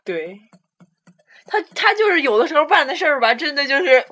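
A woman's voice: high-pitched, very animated, fairly quick, bright, forceful tone. A young woman, talking hesitantly in a casual chat.

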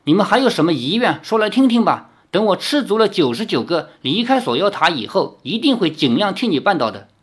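A reader voicing an arrogant, towering male demon emperor in an audiobook, talking in a loud, haughty way. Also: sing-song, brisk, hardly any pauses, slightly rough. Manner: loud, haughty, booming laugh. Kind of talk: dramatic audiobook character voice.

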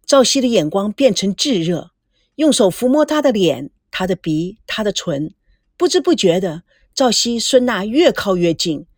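A woman host narrating a serialized story in an expressive, animated storytelling manner. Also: medium pitch, moderate pace, no echo, clean studio sound.

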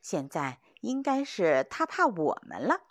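A woman's voice: on the low side, wildly swooping pitch, a little slow, no room sound, heavily acted. A woman voicing a cunning, boastful male fox who speaks confidently as he plots. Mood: scheming.

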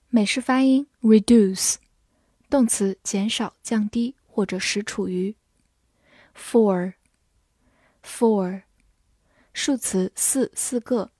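A woman reads out a vocabulary list at a very slow, deliberate pace, saying each English word twice before giving its meanings. Her tone is soft and mellow, and the recording sounds close and dry with no room around it. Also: mid-range voice, no room sound.

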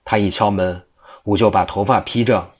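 A man's voice: fairly low pitch, fairly even intonation, normal speed, breathy edge. A man reading as a frightened pleading woman. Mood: confessing. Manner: pleading, anxious. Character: frightened adulterous young woman.

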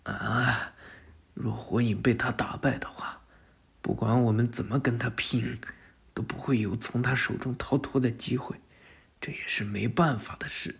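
A man voicing a brooding young male ninja in a low, grave mutter. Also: moderate pace, darkish tone, lightly acted. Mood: grim.

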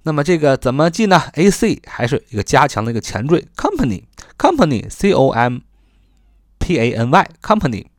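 A man explains English vocabulary in an animated, up-and-down voice. He repeats each word several times and spells it letter by letter. The recording is close and dry. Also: on the high side, moderate pace, dry recording. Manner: sprinkles sentence-end particles, rhetorical questions.

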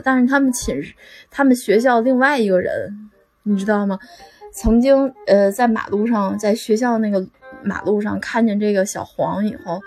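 A woman's voice: medium pitch, a little mellow. A woman telling a comic Halloween story in a casual, chatty way, loose and full of fillers.

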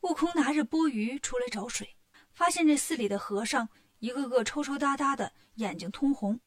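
A woman narrating a children's story with a lively, clear delivery. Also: sits high, moderate pace.

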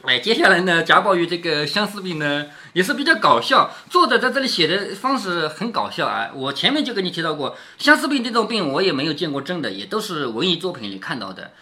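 A man reads a classic novel to his daughter at home and stops often to explain it in plain, chatty terms. His pitch moves a lot, and he drops low for quick check-in questions. The tone is bright and forward. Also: very animated. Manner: chatty, keeps asking "right?" with a dropping tag. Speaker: father reading to his daughter. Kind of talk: storytelling with casual commentary.

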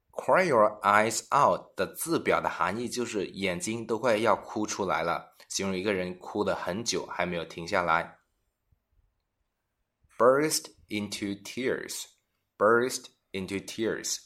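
Reading each example sentence with slow deliberation, a man works through English expressions in a scripted bilingual lesson. He has a lowish voice that is a bit bright.

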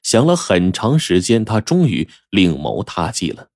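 A man telling a traditional serialized story in a chatty, animated way, turning to the listeners with asides. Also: fairly low pitch, unhurried, dry recording, clean studio sound.

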